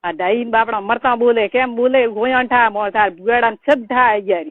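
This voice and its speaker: A woman with a Marwari accent and a slightly high voice chats casually on a private phone call, blunt and gossipy, at a moderate pace. The recording is tinny and narrow like a phone call, with no room sound.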